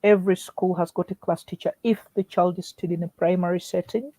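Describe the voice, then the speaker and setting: A man invited as an education expert explains things over a video call in an online discussion, hesitant yet affirming, with frequent restarts. His voice is high, mellow, and steady, fairly quick, in a dry recording.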